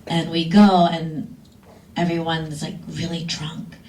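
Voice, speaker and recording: Animated woman telling a story in a hall. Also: deep voice, takes it slowly. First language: Lao. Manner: lively, laughing, acts out quotes. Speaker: film director at a screening Q&A. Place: cinema hall. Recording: echoey hall, far from mic, faint noise.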